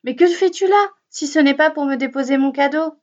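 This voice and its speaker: A woman voicing a cheerful, excitable fox, bouncy and enthusiastic. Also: high voice, brisk, close to an everyday voice. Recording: dull lo-fi recording.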